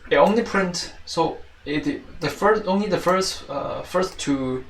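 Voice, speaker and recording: With a Chinese accent and a high voice, this teaching assistant walks through an informal tutorial, speaking haltingly and frequently repeating and rewording. The recording sounds roomy and distant, with faint noise and clicks.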